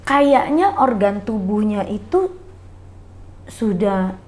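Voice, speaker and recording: A woman's voice: mid-range voice, expressive, takes it slowly, a little mellow. Earnest middle-aged woman telling a personal story. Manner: earnest, often acts out others in quoted voices. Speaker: guest. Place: coffee bar.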